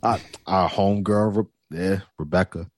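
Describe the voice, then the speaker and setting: Deep-voiced laid-back male podcaster. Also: fairly even intonation, moderate pace, a little mellow, no room sound, studio quality. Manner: laid-back and emphatic, repeats himself. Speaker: podcast co-host. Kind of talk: casual podcast chat.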